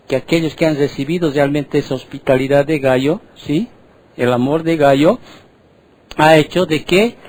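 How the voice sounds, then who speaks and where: Higher-voiced male pastor preaching. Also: a little mellow, rough recording. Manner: asks the congregation frequent questions, repeats words. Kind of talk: sermon.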